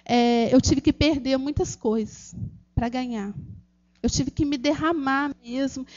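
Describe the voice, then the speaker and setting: In lo-fi sound, a Brazilian woman with a high, slightly mellow voice offers an earnest, emotional personal testimony at a church gathering. Speaking in a Brazilian Portuguese accent, she talks straight to the audience, calls them "gente," and restarts many times.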